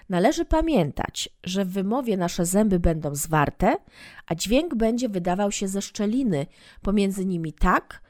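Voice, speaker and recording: A woman language teacher gives a scripted lesson. Her intonation rises and falls with animated expression while she spells out sounds carefully and deliberately. The recording is close and dry, with no room sound. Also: mid-range voice, no echo. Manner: clear, deliberate, demonstrating pronunciation. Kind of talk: scripted educational narration.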